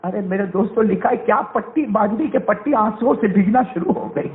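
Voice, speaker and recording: High-voiced man preaching a fiery sermon. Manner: emotional, swings from hushed to shouting, quizzes the audience. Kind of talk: dramatic sermon storytelling. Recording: tinny phone-like recording.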